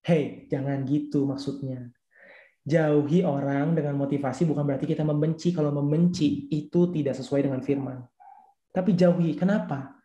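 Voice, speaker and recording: A man leads a church youth discipleship class with a warm, mellow voice. He talks casually, in slang, and says his key points twice. The recording has a roomy echo. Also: fairly high pitch, fairly even intonation, brisk. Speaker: youth ministry leader.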